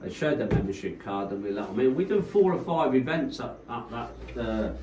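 A man's voice: medium pitch, expressive, moderate pace, distant mic, background noise. Man, promoter, chatty rambling storyteller, recorded roomy and a bit off-mic. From Coventry, England. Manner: rambling, peppered with "like, you know". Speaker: rave promoter, guest. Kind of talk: casual storytelling interview.

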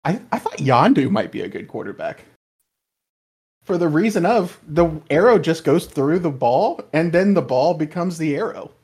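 A man co-hosting a podcast, teasing and animated in casual chat. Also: a little high, normal speed, husky. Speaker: podcast co-host.

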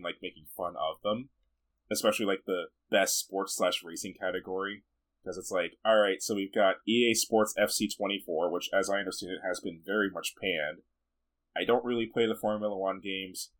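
A man with a fairly low voice and a bright, forceful tone talks through video game award nominees in a casual podcast chat. He swears offhandedly and breaks into laughter often. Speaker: podcast co-host. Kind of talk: casual chat about games and movies.

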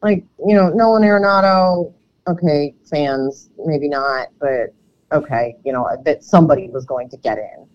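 Co-hosting a sports podcast, a woman with a deep, froggy, slightly croaky voice talks at a moderate pace. Her commentary is casual and conversational, often hedged, and the microphone sounds dull and lo-fi.

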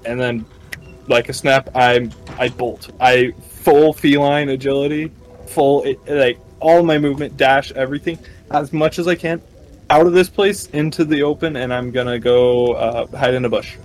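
A man playing a tabletop game, describing his character's actions in animated, laughing bursts. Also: medium pitch, moderate pace, soft background music. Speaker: player. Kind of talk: casual tabletop play.

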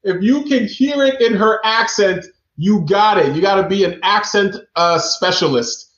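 Reading viewers' guesses aloud from the chat, an upbeat man keeps his live stream lively and interactive. His voice is high and fairly bright at a moderate pace, and the indoor recording is reverberant and muffled, with him sometimes turning away from the mic.

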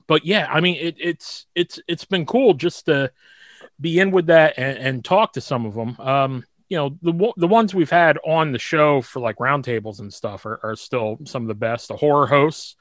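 Male podcast co-host, slightly higher voice, close dry mic, loose rambling delivery. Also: moderate pace, no room sound. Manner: rambling, many fillers and restarts. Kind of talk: casual chat.

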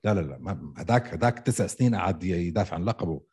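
A man's voice: low-pitched, lively intonation, fast talker, a little mellow, husky. A man with a Palestinian or Jordanian Levantine Arabic accent, arguing casually about sports and insistently repeating his points. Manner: argumentative, repeats himself insistently.

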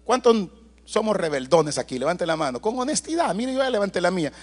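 A man with a notably high voice delivers a sermon in a church. He preaches in an animated way, with loud bursts and asides to the congregation as he tells family stories. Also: brisk, husky. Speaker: pastor.

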